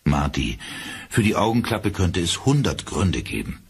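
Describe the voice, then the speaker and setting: A man voicing a calm, skeptical adult uncle who talks his young nephew down, reasoning and mildly dismissive. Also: sits low, measured pace, vocal fry, slightly rough, full character voice. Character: skeptical grown uncle, a decorated veteran.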